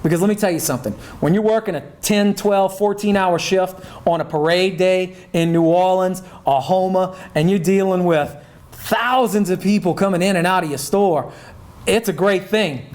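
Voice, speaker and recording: A middle-aged man from south Louisiana hosts a relaxed talk show in a slightly higher voice. He speaks in a folksy, emphatic way and keeps checking in with his listeners with "okay?" and "right?". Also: normal speed. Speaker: podcast host. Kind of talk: casual chat.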